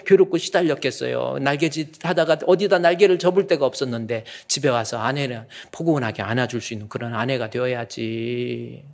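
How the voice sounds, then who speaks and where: Folksy Korean pastor preaching a sermon. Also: male voice, mid-range voice, creaky. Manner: lively, folksy preaching, acts out quoted voices. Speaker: senior pastor.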